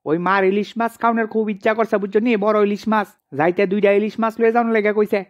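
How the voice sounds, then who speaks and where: A man voicing a demanding village wife, loud and insistent. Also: high voice, level tone, rapid-fire, dull audio, pitched above the performer's own voice, natural voice.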